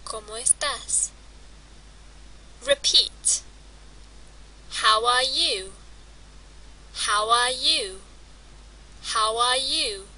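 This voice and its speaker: A woman teaching English to Spanish speakers in a scripted lesson, drilling words with slow, clearly spaced repetitions. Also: a little high, sharp tone, distant mic, poor audio. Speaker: language teacher.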